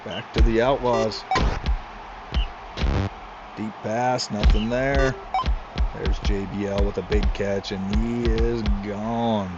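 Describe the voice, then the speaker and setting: Excitable male play-by-play commentator, slow-paced. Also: lowish voice. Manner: excitable, chatty asides to co-hosts. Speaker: league commentator. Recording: slightly muffled with clear music behind.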